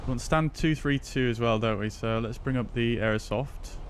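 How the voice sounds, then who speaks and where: A relaxed man speaks into a pilot's cockpit headset, his voice pitched right in the middle for a man. He chats casually while reading back radio calls and working through checklists aloud. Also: normal speed, a little hiss or hum. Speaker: flight sim streamer acting as pilot. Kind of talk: casual commentary with radio readbacks.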